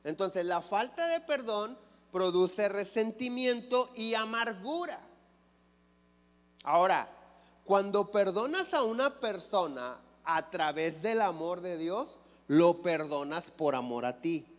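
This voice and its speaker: A man preaching a sermon in a slow, unhurried delivery, his voice sitting high for a man. He asks his congregation questions and answers them himself. The sound carries the long reverb of a church hall. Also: lively intonation. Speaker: pastor. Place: church sanctuary.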